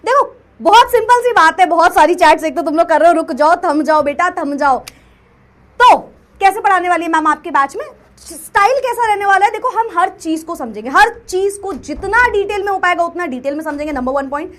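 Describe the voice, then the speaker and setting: A woman's voice: very high-pitched, expressive, a little fast, a bit bright. A young woman teaching a live online chemistry class, chatty, repeating herself and checking the chat often.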